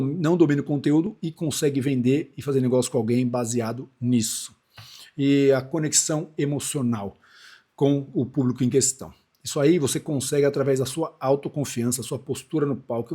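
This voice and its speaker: A man's voice: mid-range voice, dark tone, breathy edge. A man in his forties from Brazil, giving a loose, conversational lesson on public speaking with frequent restarts and asides. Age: 40s. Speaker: speaking coach. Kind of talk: casual on-camera lesson.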